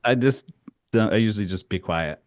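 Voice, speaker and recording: A man co-hosting a casual podcast, talking in a relaxed way and acting out his own thoughts in quieter asides. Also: on the low side, moderate pace. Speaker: podcast co-host. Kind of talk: casual chat. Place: New York.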